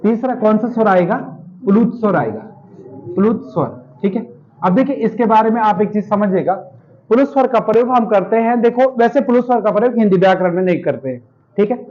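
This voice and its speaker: A high-pitched man teaches a classroom grammar lesson and keeps quizzing his students before answering for them. The recording is dull and lo-fi. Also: animated, brisk. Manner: asks students questions and answers them himself.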